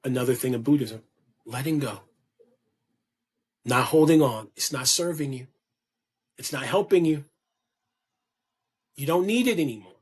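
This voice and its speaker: Speaking in a husky, mid-range voice, a man guesting on a podcast as a kink educator gives a passionate, preachy monologue that circles back to key lines for emphasis. He is unhurried and pauses often.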